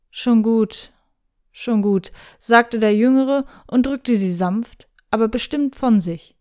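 A woman narrating a story aloud in a steady, even storytelling way. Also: a little high. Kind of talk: reading fan fiction aloud.

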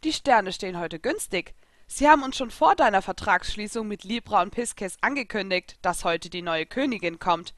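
A woman's voice: mid-range voice, animated, normal speed, no echo, close to an everyday voice. Woman reading an eager lion spirit. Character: eager male lion spirit, lively and friendly.

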